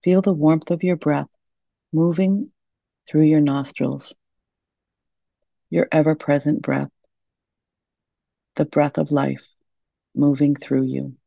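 A woman leading a guided meditation in a soft, soothing, gentle manner, on a dull lo-fi recording. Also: low voice, fairly even intonation, slow, creaky, pauses often, no echo.

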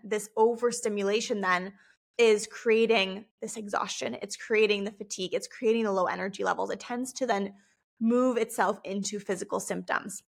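A young woman speaking as a self-help coach in a casual, conversational way, often asking "right?". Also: mid-range voice.

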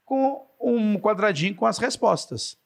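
A man hosting a casual podcast English lesson, acting out example phrases in a lively way. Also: high-pitched, unhurried, creaky. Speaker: English teacher, podcast host.

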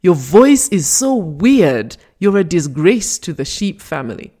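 A woman's voice: lowish voice, very animated, a little slow, mellow. A woman voicing a mocking sheep in a storybook fable, taunting a cub for being different. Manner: sneering, taunting.

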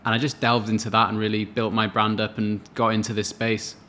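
A man's voice: lowish voice, flat delivery, a little fast, bright, forceful tone. A man in his late twenties, co-hosting a podcast and telling a story in casual chat. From Wales. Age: late 20s. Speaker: podcast co-host.

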